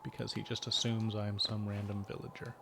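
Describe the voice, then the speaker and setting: A man streaming a video game, thinking aloud in a relaxed, muttering way. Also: fairly low pitch, brisk, vocal fry, noisy background. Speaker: gaming streamer. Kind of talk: let's play commentary.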